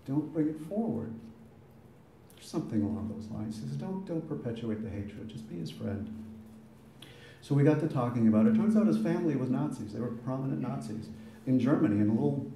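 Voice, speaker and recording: Dark-voiced man telling a story in an echoey room. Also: medium pitch. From Boston area. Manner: conversational, voice rising when quoting heated exchanges. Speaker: eulogy speaker. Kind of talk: storytelling eulogy. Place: funeral gathering in a room. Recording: echoey room with faint ambient noise.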